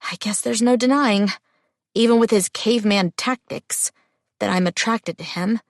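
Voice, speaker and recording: A woman's voice: medium pitch, normal speed, dry recording, clean studio sound, lightly acted. A woman narrator voicing a stubborn, sulky, defiant witch in an audiobook. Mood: exasperated. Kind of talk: audiobook character dialogue.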